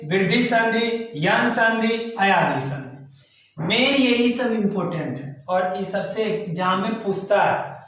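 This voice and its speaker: A man's voice: high voice, fairly bright tone. A man teaching an exam coaching lesson, repeating key terms and chanting them in lists. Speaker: grammar teacher. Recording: very echoey room.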